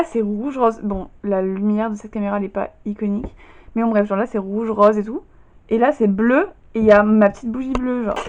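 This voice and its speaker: A woman's voice: fairly high pitch, darkish tone, a little hiss or hum. A young woman vlogging casually from her bedroom, tired and just out of bed, chatty and full of slang and fillers. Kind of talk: casual chat.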